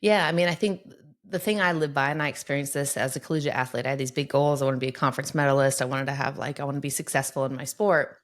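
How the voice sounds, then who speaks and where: A woman's voice: rumbling low, fairly even intonation, fast talker. A middle-aged woman, a sports psychologist, speaking earnestly and encouragingly in a podcast interview, often checking in with "right?".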